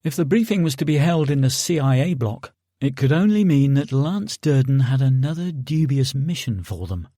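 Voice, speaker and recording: A man narrating an audiobook in a calm, steady reading voice, close to the mic. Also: mid-range voice, moderate pace, hardly any pauses, dry recording. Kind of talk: scripted narration.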